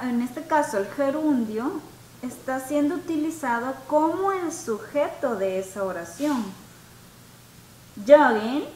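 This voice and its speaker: Woman, English teacher, slow patient explaining, bilingual, high voice, echoey room, faint hiss. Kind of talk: online class, explaining grammar.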